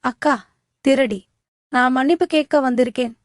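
Storybook part: a wheedling, sly younger brother, read in a high voice by a woman narrator. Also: steady tone, normal speed, no echo, clean studio sound, natural voice. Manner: coaxing, wheedling.

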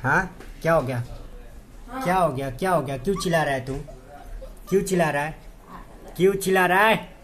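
A pet owner at home chats to a puppy with fond, teasing coaxing, asking the same short questions again and again. The voice sits at a middle pitch, with a little faint noise in the background. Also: brisk, long pauses. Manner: repeats short questions over and over. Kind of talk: talking to a dog while filming.

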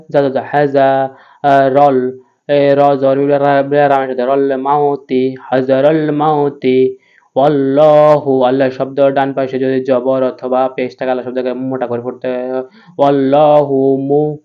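A man teaching a recitation lesson, spelling out letters one by one and then chanting the verses slowly. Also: medium pitch, monotone, smooth, muffled recording. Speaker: Quran reading teacher.

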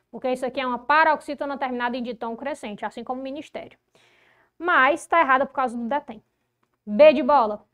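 A woman teaching a grammar lesson, explaining rules step by step and slowing down to repeat key points. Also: high-pitched, a bit bright. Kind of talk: online exam-prep grammar lesson.

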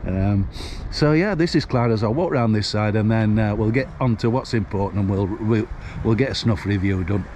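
A lowish, somewhat mellow male voice at a moderate pace comes through with a little hiss or hum. It belongs to a man in his sixties with a Northern English accent who's vlogging on foot along a seafront street with a handheld camera, chatting in a folksy, wandering way.

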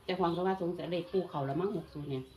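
A woman with an Isan Lao accent casually recounting a dream in an animated way. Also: lowish voice, very fast, reverberant, a little hiss or hum. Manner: lively, animated retelling with quoted voices. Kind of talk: casual storytelling about a dream.

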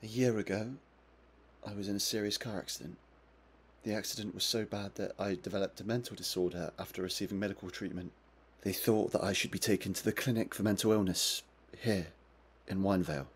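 A slightly rough, lowish male voice with fairly even intonation speaks a little fast, voicing a video game character: a confused, upset man in his twenties under police suspicion. He comes across as agitated and defensive while explaining in a subdued way. Background ambience makes the audio noisy.

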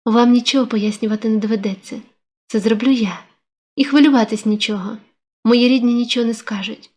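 A woman's voice: fairly high pitch, steady tone, brisk, darkish tone, natural voice. A woman reading a novel aloud, voicing an ardent, insistent young man who presses a proposal. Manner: pressing, persuasive.

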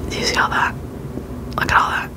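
Whispering woman, casual ASMR beauty chat. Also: a little fast. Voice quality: soft unvoiced whisper. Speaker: beauty vlogger.

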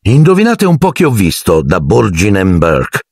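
A man's voice: lowish voice, huge pitch swings, normal speed, no echo, clean studio sound, full character voice. A man voicing an earnest young boy wizard in a slightly raised voice.

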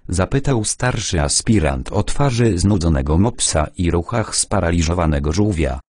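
Deep, husky male audiobook narrator. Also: moderate pace, no echo, studio quality. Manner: expressive, wry storytelling. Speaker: audiobook reader. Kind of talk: first-person audiobook narration.

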